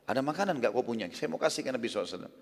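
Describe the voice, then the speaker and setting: A man's voice: medium pitch, animated, rapid-fire, slightly rough. A man voicing an earnest, devoted man who gets flustered, heard in a hall with long reverb.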